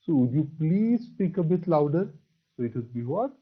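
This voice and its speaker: Speaking a little fast in a slightly high, sing-song voice with a breathy edge, a man from Assam, India, teaches English grammar in an Assamese accent. He spells out words, asks and answers his own questions, and says "very good" as praise. The audio is dull and lo-fi.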